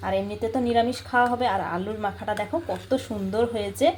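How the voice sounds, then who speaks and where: A woman's voice: mid-range voice, fairly even intonation, fast, darkish tone, slight background noise. A woman chatting casually to her viewers as she films a home vlog on a phone camera. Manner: chatty, friendly, often addresses viewers as friends. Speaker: home vlogger.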